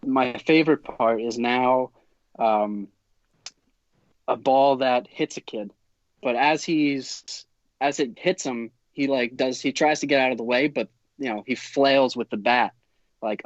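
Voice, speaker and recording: Man telling an animated story, dull dry sound. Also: medium pitch, a little slow, dry recording. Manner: animated, laughs through his own story. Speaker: guest umpire telling a story. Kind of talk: casual storytelling.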